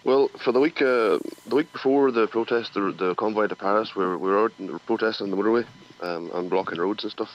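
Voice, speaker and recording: A man with a Donegal Irish accent talking casually and haltingly, often repeating words, as an interview guest. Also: lowish voice. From County Donegal, Ireland. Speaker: radio phone-in guest, farmer. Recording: dull telephone line.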